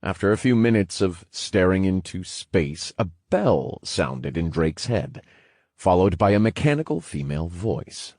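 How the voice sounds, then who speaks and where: Male audiobook narrator, very deep and husky, slow and measured, dry booth sound. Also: very animated, darkish tone, dry recording. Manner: measured, wry storytelling.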